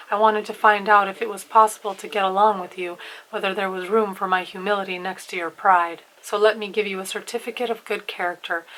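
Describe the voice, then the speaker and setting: A woman reading the lines of an older buffoonish man, emotional and overly flattering. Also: medium pitch, close to an everyday voice, poor audio. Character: older male buffoonish landowner, mocking.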